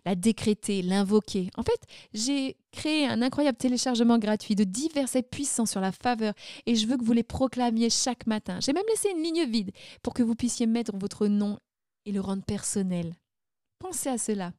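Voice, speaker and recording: Emphatic woman preaching, bright higher voice. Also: animated, normal speed, dry recording, clean studio sound. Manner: emphatic, declaring phrases. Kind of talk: sermon-style teaching.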